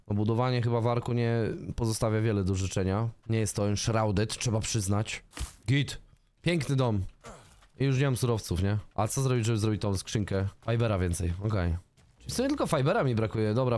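A young man casually commenting on his own gameplay, chatty and swearing often, sometimes shouting in panic. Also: fairly low pitch. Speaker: gaming streamer. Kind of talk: casual let's-play commentary.

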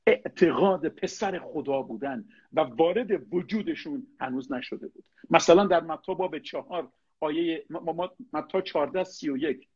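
A middle-aged pastor preaches with a slightly high, husky voice. He fires rhetorical questions straight at his listeners. The recording sounds dull and lo-fi. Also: a little mellow. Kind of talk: sermon.

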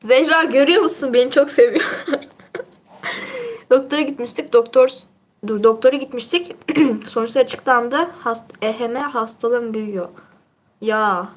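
A woman's voice: fairly high pitch, normal speed, long pauses. A teenage girl chatting casually on her livestream, reading out viewer comments in a teasing, chatty way and laughing often.

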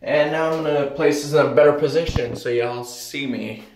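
A man's voice: fairly high pitch, moderate pace, a little mellow, a little hiss or hum. A young man vlogging casually to the camera from a small tiled bathroom. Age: young adult. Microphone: camera a few feet away. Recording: echoey bathroom, distant mic.

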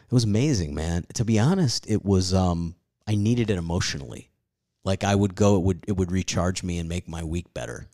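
A man's voice: low voice, a little fast, mellow. A comedian in his forties chatting on a podcast, rambling and self-deprecating, swearing freely. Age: 40s. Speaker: comedian guest. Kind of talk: casual podcast chat.

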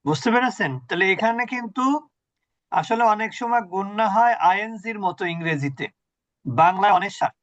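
A man's voice: sits high, moderate pace, a bit bright, no room sound, highs cut off. A man teaching Quran recitation online, patiently repeating points and quizzing his students. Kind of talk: online tajweed lesson.

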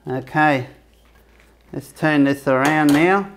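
Speaking slowly in a voice on the high side, a man rambles through a casual cooking demo for his camping review channel. He's chatty and keeps restarting and correcting his sentences, and there's a little hiss or hum in the background.

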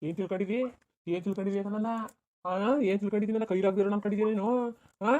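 Bossy village husband voiced by a performer, fast and fuming. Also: mid-range voice, little pitch movement, lo-fi sound, natural voice. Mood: angry berating. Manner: shouting, berating, rapid. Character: quarrelsome village husband, bossy and quick-tempered. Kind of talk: cartoon voice acting.

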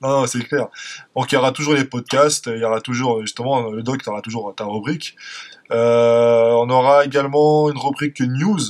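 A man's voice: mid-range voice, fairly even intonation, brisk. A man with an accent from France, hosting a fitness podcast in a casual, conversational way. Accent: French, from France. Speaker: podcast host.

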